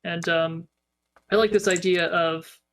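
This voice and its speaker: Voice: medium pitch, fairly even intonation, unhurried, fairly bright tone, a little hiss or hum. A young adult co-host in a casual podcast chat, talking hesitantly with many fillers.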